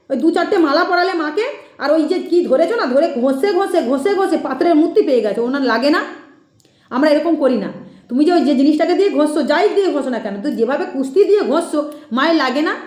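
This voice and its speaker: A woman's voice: high-pitched, lively intonation, brisk, darkish tone, roomy sound. A woman giving a scolding, mocking monologue aimed at a rival, sometimes mimicking her words. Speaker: social media commentator. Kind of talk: critical monologue addressed to a rival.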